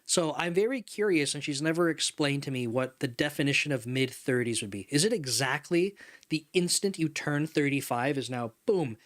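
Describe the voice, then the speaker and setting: A man in his thirties hosts a long, casual livestream in a home studio room furnished with a couch and neon lights, frequently laughing and reading chat aloud. His voice, on the high side and at a moderate pace, goes into a desk microphone in front.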